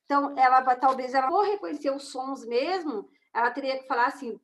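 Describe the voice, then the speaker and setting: A woman's voice: sits high, fairly quick. A woman with a Brazilian Portuguese accent, lecturing to an online class and often checking in with her listeners. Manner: conversational, with frequent tag questions to the class. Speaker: teacher of a course on reading and writing assessment. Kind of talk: online lecture walking through slides.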